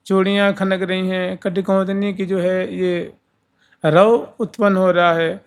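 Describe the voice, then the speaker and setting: Devotional speaker, male, high and unhurried, explains and chants verses. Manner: slow, explains verses line by line, sings some lines drawn out. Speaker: devotional storyteller.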